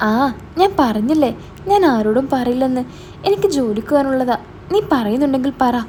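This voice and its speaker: A woman's voice: high-pitched, expressive, fairly quick, warm tone, slight background noise. A woman voicing a stern young older brother who questions his sister suspiciously. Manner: stern, interrogating.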